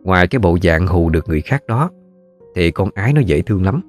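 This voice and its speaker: A man with a Southern Vietnamese accent narrating a ghost story in a steady, folksy way. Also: low voice, quick pace, soft background music.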